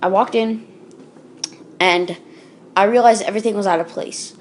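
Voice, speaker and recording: A woman's voice: mid-range voice, normal speed, a little hiss or hum. Woman casually telling a creepy story. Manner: casual, with fillers and self-corrections. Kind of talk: casual spoken creepypasta reading.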